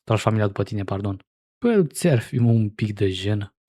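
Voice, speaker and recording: A man's voice: lowish voice, expressive, warm tone. A man in his forties giving casual, sarcastic reaction commentary as a streamer. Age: 40s. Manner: sarcastic, mocking.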